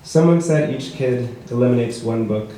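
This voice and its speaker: A man reads his own prose poetry at a book launch, in a measured, rhythmic cadence. His mellow voice sits at a middle pitch. The recording is very echoey, with faint room noise behind him. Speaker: author reading his work. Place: bookshop event space.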